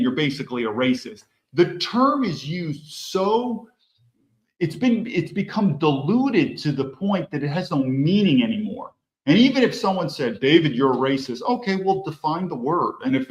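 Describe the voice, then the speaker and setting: A man hosting his own political show, delivering an emphatic, opinionated monologue full of rhetorical questions. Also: a little high. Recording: echoey room, dull lo-fi sound.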